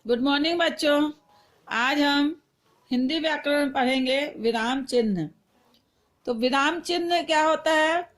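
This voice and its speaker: A woman with a high voice teaches a simple grammar lesson to young pupils. She talks patiently and slows down to read out each example sentence.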